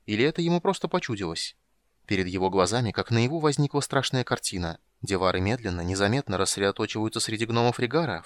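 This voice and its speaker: A man narrating a fantasy audiobook in a brisk, dramatic reading. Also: fairly low pitch, no room sound.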